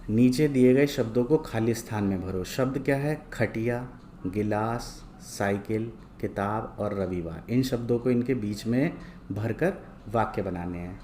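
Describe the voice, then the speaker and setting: A man teaching a lesson from worksheets, reading each word twice, slowly and clearly, and asking questions he then answers himself. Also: fairly low pitch, dark tone, slight background noise. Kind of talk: slow, patient lesson going through worksheets.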